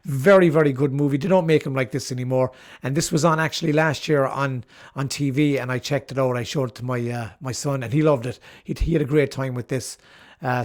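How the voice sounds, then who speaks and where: A middle-aged man hosting his own channel, talking casually and enthusiastically about favourite films, with frequent fillers and restarts. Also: mid-range voice. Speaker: channel host reviewing films. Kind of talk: casual video commentary.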